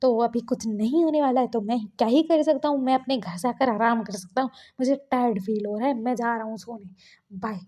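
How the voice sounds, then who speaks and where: A woman's voice: a little high, brisk, warm tone, close to an everyday voice. A woman reading a story aloud and voicing an emotional young man who sulks and cries over his lover. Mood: flat.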